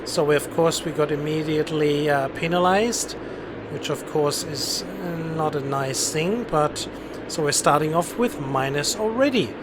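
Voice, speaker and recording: A man's voice: on the high side, a little slow. A man hosting a casual live game stream, commentating and giving instructions as an air traffic controller.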